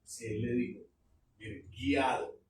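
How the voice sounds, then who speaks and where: Exhorting preacher, echoey and distant. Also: male voice, mid-range voice, steady tone, takes it slowly, slight background noise. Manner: exhorting, asks the congregation questions. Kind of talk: sermon. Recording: echoey room, voice from far off.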